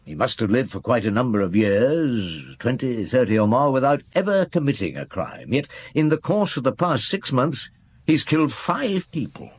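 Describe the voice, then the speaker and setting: Inspector Maigret, husky, thoughtful detective. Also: male voice, mid-range voice, sing-song. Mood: pondering, probing. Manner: measured, deliberate, explanatory. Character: middle-aged male French police chief inspector, methodical and thoughtful. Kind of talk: naturalistic radio drama acting.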